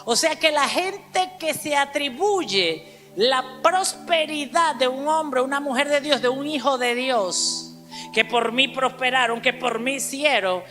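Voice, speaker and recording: A woman preaching a sermon to a congregation, emphatic, calling out to the listeners and spelling out words slowly. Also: high voice, a bit bright. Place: church hall. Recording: church hall reverb with faint music.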